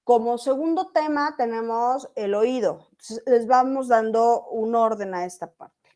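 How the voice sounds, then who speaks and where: A female teacher gives an online lesson in a slightly high voice. She explains patiently and keeps checking in with her students. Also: measured pace, a little mellow. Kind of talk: online class lecture.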